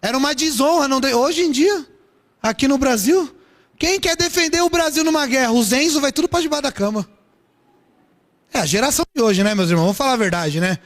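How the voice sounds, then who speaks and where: High-voiced preacher in a reverberant hall. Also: male voice, a little fast. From São Paulo, Brazil. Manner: lively storytelling preaching with rhetorical questions. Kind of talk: sermon.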